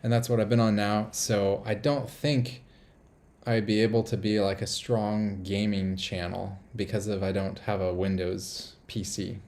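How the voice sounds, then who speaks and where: A man's voice: fairly low pitch, flat delivery, a little slow, darkish tone. A man from the United States hosting a casual live stream from a small apartment, rambling upbeat and reading viewer comments aloud.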